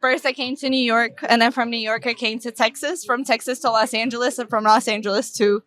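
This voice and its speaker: A woman's voice: fairly high pitch, fairly even intonation, a little fast, a bit bright. Chatty young woman from Russia. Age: young adult. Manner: chatty, heavy use of "like", laughs often. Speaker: interviewee. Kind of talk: casual chat. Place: outdoors in a city park.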